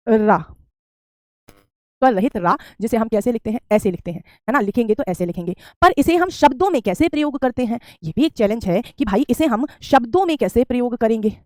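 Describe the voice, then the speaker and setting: High-voiced woman teaching a live class. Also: darkish tone, dry recording, clean studio sound. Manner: repeats answers back, calls students beta; question-and-answer drilling. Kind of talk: live online Hindi grammar class.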